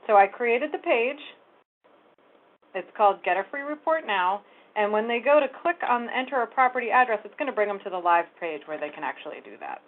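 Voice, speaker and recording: A woman giving a casual step-by-step software tutorial, talking through each click as she goes. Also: on the high side, expressive, brisk. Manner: casual step-by-step explaining, talks while clicking. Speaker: real estate tech trainer. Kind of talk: screen-share software tutorial. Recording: phone-like narrow band audio.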